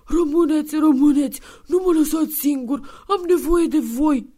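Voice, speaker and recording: A woman's voice: sits high, expressive, dark tone, voice pushed up. A woman voicing a needy, grubby old Santa Claus who whimpers and begs not to be left alone. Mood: pleading, tearful. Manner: whimpering, begging.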